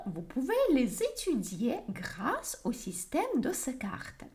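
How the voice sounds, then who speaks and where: A woman with a French accent, co-hosting a language livestream and teaching slowly and deliberately, repeating words for learners. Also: high voice, a little mellow, slight background noise. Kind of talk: slow, clear teaching on a livestream.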